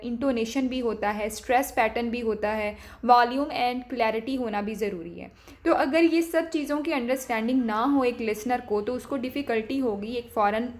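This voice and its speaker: A woman with a somewhat high-pitched voice delivers a classroom-style lecture. She explains point by point in a steady, teacherly way. She pauses with small filler sounds and mixes English terms into her speech.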